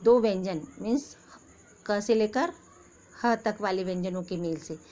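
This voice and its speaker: A woman's voice: medium pitch, a little mellow. A woman teacher giving a recorded grammar lesson to young pupils, patiently asking questions and answering them herself. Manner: slow, patient, repeats questions and answers, calls pupils "beta". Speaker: school teacher. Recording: noisy background hiss.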